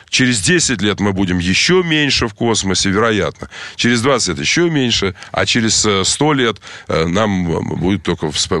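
A man's voice: on the low side, bright, forceful tone, no echo. A man giving unscripted conversational commentary, emphatic and often repeating his words and phrases.

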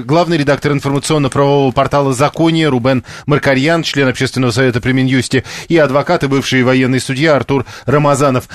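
A man hosting a radio talk show, announcing the topic and putting questions to his studio guests in a brisk, interjecting way. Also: medium pitch, dry recording. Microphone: studio microphone.

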